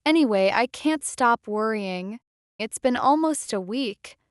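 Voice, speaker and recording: A woman slowly reading out simple example sentences for learners. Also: a little high, lively intonation, no echo, clean studio sound. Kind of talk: slow read-aloud example sentences.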